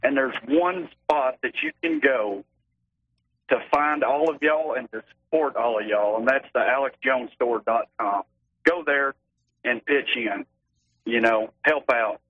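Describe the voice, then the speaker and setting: A man calls in to a talk show over a thin, tinny phone connection. His Arkansas accent is thick, and he makes his point earnestly, halting now and then in a folksy way. The voice sits at an ordinary male pitch. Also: slightly rough, no room sound. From Arkansas, United States. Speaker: radio show caller. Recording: narrow tinny phone line.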